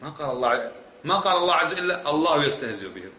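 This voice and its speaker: A man's voice: a little high, big pitch swings, racing, pushed and bright. A man teaching a lesson on creed, pressing his points with emphatic rhetorical questions. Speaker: religious teacher. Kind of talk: lecture on creed. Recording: echoey hall.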